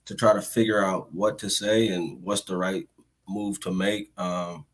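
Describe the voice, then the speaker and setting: A laid-back man hosting a casual interview, speaking calmly and in a measured way, often restarting his sentences. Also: low-pitched, rough recording. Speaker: host, state senator.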